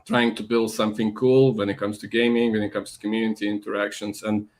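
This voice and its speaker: A man in his thirties from Lithuania, speaking English in a casual, halting way as he introduces himself. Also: fairly low pitch, level tone, darkish tone. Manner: halting, searching for words. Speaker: community lead. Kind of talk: casual chat.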